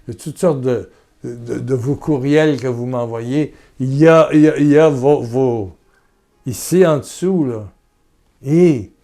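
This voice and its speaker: A man with a Québécois French accent preaching a sermon and leading a guided prayer. He is earnest and repetitive, swinging from loud urging to soft murmurs. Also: medium pitch.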